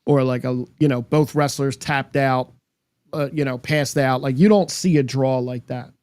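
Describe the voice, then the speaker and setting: A man's voice: mid-range voice, fairly even intonation, normal speed, a little mellow, dry recording. A man co-hosting a podcast, chatting casually about wrestling, speculating aloud with slangy, questioning remarks. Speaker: podcast co-host. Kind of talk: casual wrestling recap chat.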